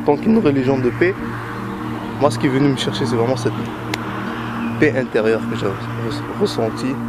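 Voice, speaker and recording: Guy from algeria telling his story, kinda halting, repeats himself, loud music under it. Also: medium pitch. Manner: hesitant, repeats words while searching for phrasing. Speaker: interviewee. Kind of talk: personal testimony.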